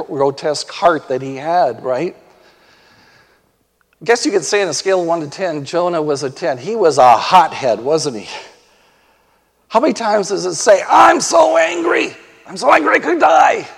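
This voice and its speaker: A man's voice: a little high, darkish tone. A male pastor preaching a sermon emphatically, pressing his listeners with rhetorical questions. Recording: long hall reverb.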